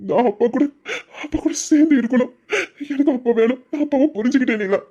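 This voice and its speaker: A man's voice: very high-pitched, quick pace, dark tone, highs cut off. A man voicing a remorseful young man in a Tamil audio drama, confessing with tears. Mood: urgent. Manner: emotional, confessional, tearful.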